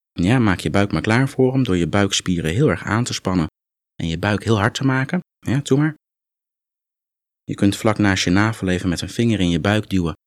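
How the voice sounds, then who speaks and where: A man guiding a muscle relaxation meditation, calm and instructive, gently coaxing the listener along. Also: low-pitched, no room sound, clean studio sound. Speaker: relaxation exercise guide.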